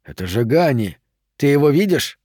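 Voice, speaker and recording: A man's voice: mid-range voice, sing-song, normal speed, darkish tone, husky, no room sound, clean studio sound. Wounded grim gunman, read by a man. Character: wounded, bleeding male gunman, hard and confused.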